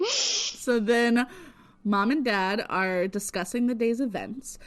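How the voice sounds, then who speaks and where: A woman co-hosting a podcast, recapping a TV episode in casual chat, animated and laughing often. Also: mid-range voice, slow. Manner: animated, laughs often, squeals at big moments. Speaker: podcast co-host.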